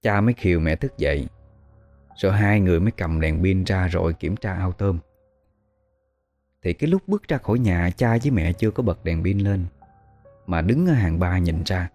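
Deep-voiced Southern Vietnamese storyteller. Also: male voice, expressive, a little mellow, faint music behind. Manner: slow, measured, hesitant with fillers. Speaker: ghost story host. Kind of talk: storytelling narration.

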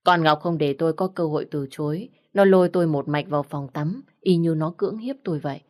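Low-voiced woman narrating an audiobook. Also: fairly quick. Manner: steady, reflective reading. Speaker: storyteller. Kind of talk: first-person audiobook narration.

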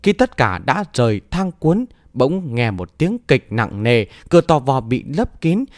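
Man, audiobook narrator, dramatic storytelling, expressive pitch, dry close mic. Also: dry recording. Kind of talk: audiobook narration of a martial-arts novel.

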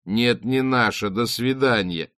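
A man's voice: mid-range voice, a little slow, a bit bright, no echo, pitched above the performer's own voice, natural voice. A man reading an audiobook voices a cold, cutting male talent-show judge who speaks in a dry, sneering way. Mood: dismissive.

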